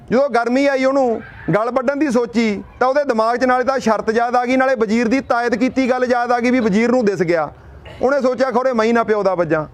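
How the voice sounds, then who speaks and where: A man from Punjab addresses an outdoor protest in an impassioned public speech. His voice sits very high for a man. He drives his points home with rhetorical questions and folksy stories. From Punjab, India. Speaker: speaker at a protest sit-in.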